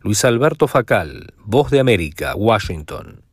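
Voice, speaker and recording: A man reading a scripted AM radio news report in a formal, measured manner. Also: lowish voice, sing-song, no echo, studio quality. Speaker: news correspondent.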